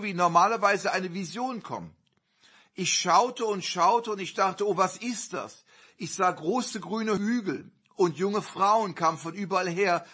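A man preaching a sermon, telling a personal story earnestly with sudden loud surges. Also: sits high, breathy edge.

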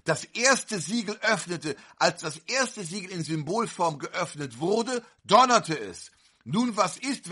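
A man preaching a fervent sermon to a congregation, with sudden loud outbursts. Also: on the high side, breathy edge.

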